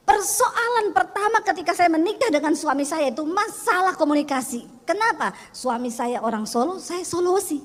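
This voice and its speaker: A middle-aged woman pastor from Sulawesi with a Sulawesi accent, preaching in an animated storytelling manner and acting out voices. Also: very high-pitched, in a large hall. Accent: Sulawesi Indonesian. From Sulawesi, Indonesia. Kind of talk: sermon.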